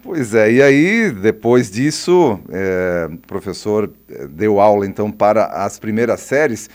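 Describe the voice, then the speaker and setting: A male interviewer. He asks his questions haltingly, restarting his sentences as he goes. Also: fairly low pitch, expressive, a little mellow.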